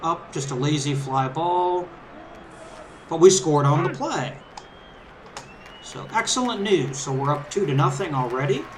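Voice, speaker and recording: A man's voice: on the high side, animated, unhurried, long pauses, slight background noise, poor audio. A man giving casual, conversational, easygoing commentary as he hosts a let's play of a game. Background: video game crowd ambience and background music.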